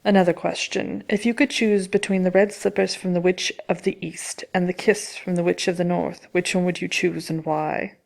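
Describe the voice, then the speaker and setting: A woman's voice: lowish voice, fairly even intonation, normal speed, creaky, few pauses, a little mellow. A woman voicing a haughty, mischievous wicked witch in an in-character ASMR question-and-answer chat, sly, theatrical and dryly self-important. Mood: sly musing.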